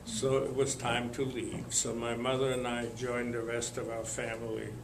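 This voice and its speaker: Older man, from Lithuania, survivor testimony, slow halting delivery, gravelly, echoey noisy recording. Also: medium pitch, completely flat delivery. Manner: slow, halting, with many pauses and fillers. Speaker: Holocaust survivor telling his story. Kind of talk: spoken testimony to an audience.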